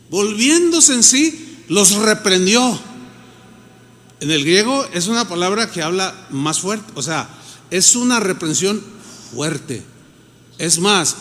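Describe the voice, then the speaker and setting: A man's voice: high voice, fairly bright tone. A man with a Mexican Spanish accent preaching a sermon as pastor, in a conversational style that acts out the voices of the people he quotes. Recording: reverberant hall.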